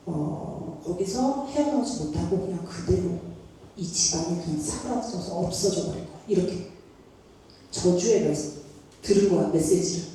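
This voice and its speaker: Woman, youth preacher, warm mellow voice, echoey church hall from far off. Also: medium pitch. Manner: conversational, asks the listeners questions, mixes casual and polite speech. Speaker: youth pastor. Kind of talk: youth sermon. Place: church sanctuary.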